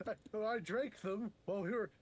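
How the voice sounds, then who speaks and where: A man playing a tabletop game, chatting casually in a deadpan, playfully defensive way. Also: high-pitched, normal speed. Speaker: player. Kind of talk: casual chat.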